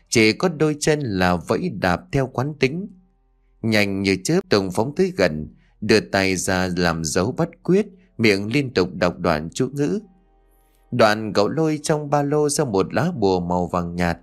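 Low-voiced male audiobook narrator. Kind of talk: scripted story narration.

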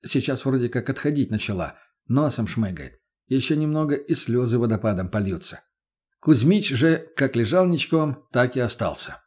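A man's voice: mid-range voice, expressive, normal speed, a little mellow, breathy edge. A man narrating an audiobook in the first person, in a blunt, crude, matter-of-fact manner. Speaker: audiobook reader.

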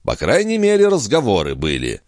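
A man's voice: fairly low pitch, wildly swooping pitch, fairly quick, darkish tone, no echo, studio quality, voice pushed up. A man reading an audiobook, voicing a weary, evasive aging king who speaks unhurriedly.

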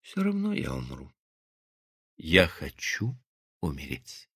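Casual: tired lifeless woman, male narrator doing her, soft and dry up close. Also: a bass voice, huge pitch swings, slow pace, breathy edge, no echo, pitched below the performer's own voice, heavily acted. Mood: weary despair. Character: despairing young woman, weary and lifeless.

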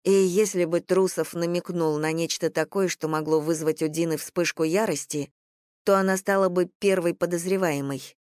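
An audiobook narrator reading a novel in a steady, measured way. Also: medium pitch, clean tone, dry recording, studio quality. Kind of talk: scripted narration.

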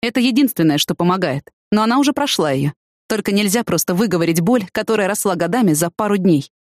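A blunt young man with a quick temper talks in a plain, gruff, matter-of-fact way. A woman narrator gives him lines in an audiobook, keeping her voice mid-pitched and recorded dry and close. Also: lively intonation, darkish tone, dry recording, close to an everyday voice. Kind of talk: audiobook reading.

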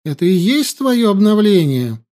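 A man's voice: sing-song, normal speed, warm tone. Man voicing a tearful, accusing young princess. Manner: accusing, tearful, high-pitched. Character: young grieving furious princess woman.

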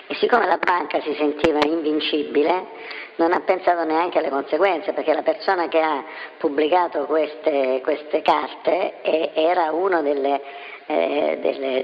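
A man speaks through a voice disguise that shifts his pitch deep and leaves a gravelly texture. He answers haltingly, with many fillers and restarts. The recording is dull and lo-fi, with a faint hiss underneath. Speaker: anonymous banker source. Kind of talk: interview answers.

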